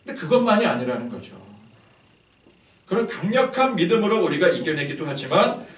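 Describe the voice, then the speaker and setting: A male pastor preaching a sermon in a conversational, animated way, full of fillers. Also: sits high, fairly quick. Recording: roomy church hall, distant mic.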